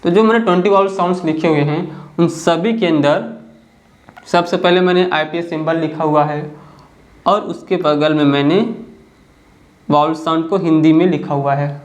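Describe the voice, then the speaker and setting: A man with a somewhat high voice explains things step by step like a teacher at a board. He is patient, repeats each point and checks in with the listener before moving on. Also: fairly even intonation, normal speed, pauses often.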